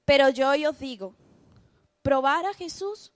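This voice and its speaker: Young female youth preacher, Spain Spanish accent, high-pitched, casual and self-mocking. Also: measured pace. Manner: lively, chatty, self-mocking, laughs often. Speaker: youth speaker. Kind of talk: youth sermon.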